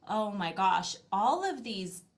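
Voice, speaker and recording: A middle-aged woman who owns a language-learning business talks casually as a podcast guest, telling anecdotes in a chatty, self-deprecating way. Her mid-range voice is very animated, though her pace is slow.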